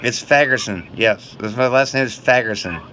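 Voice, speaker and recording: Casual male phone talker, bright voice, evasive and rambling as he strings callers along, faint background noise. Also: medium pitch, moderate pace. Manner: rambling, evasive, playing along with odd answers. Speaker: prank caller baiting telemarketers.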